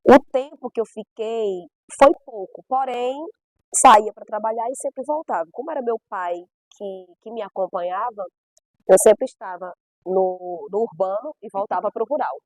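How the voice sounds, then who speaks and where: A woman's voice: mid-range voice, normal speed, a little mellow, no room sound, poor audio. A middle-aged woman from Brazil's Northeast, a gospel singer giving her testimony in an emphatic, storytelling way with repeated phrases. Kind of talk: personal testimony.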